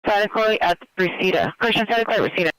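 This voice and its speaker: A man's voice: sits high, lively intonation, quick pace, a bit bright, no room sound, poor audio. A man working as a police radio dispatcher, giving clipped procedural call-outs over the radio. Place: police scanner radio feed.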